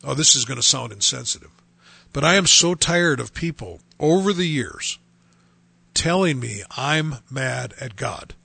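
A man's voice: mid-range voice, expressive, measured pace, gravelly, bright, forceful tone, slightly rough, dry recording. A middle-aged man, preaching earnestly as host of a radio talk show and often restarting his phrases. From United States.

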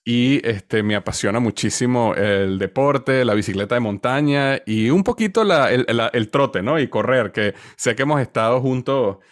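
A Venezuelan man in his forties, appearing as a podcast guest, tells his story in a conversational interview answer, hesitating and often repeating words as he searches. His mid-range voice is expressive, moves at normal speed, and has hardly any pauses. The studio-quality recording has no room sound, and his accent is Venezuelan Spanish.

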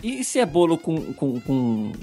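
A man with a husky, slightly raised voice who speaks in a dry, practical tone. He reads out listener comments at an even, plain pace, with faint music behind. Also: a little high, a little slow. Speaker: podcast co-host reading listener comments. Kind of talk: casual chat.

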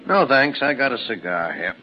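A man's voice: medium pitch, lively intonation, normal speed, slight background noise, lightly acted. A man voicing a polite, slightly flustered businessman in a 1940s radio drama. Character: stiff sober businessman creditor. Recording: lo-fi old radio recording.

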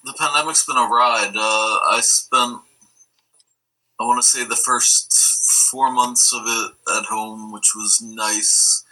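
Very bright, sharp-voiced man, halting. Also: medium pitch, rough recording. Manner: halting, repeats words. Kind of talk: casual interview answers.

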